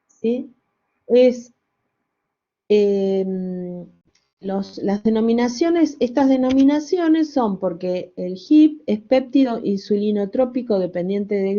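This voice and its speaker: This university lecturer is an older woman with a fairly high but dark-toned voice, heard through dull audio. Working through the material step by step, she poses rhetorical questions, adds wry comments, and frequently corrects herself. "¿Sí?" and "¿no?" come up often as she checks that the class understands.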